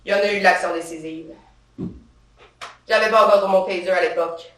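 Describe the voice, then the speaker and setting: A swaggering, defensive female cop, played by a woman in a satirical stage monologue. The voice is sharp and tense, picked up from across an echoey theatre stage. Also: fairly low pitch, fairly even intonation, fairly quick, a little hiss or hum, close to an everyday voice. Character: brash trigger-happy female police officer, touchy and power-proud. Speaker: stand-up character performer. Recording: roomy stage sound from far off.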